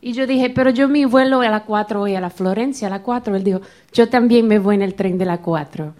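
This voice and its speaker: A woman from Florida telling a personal testimony in church, acting out the dialogue with lively shifts. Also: mid-range voice, brisk. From Florida, United States. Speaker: church member sharing a testimony. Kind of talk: animated personal storytelling.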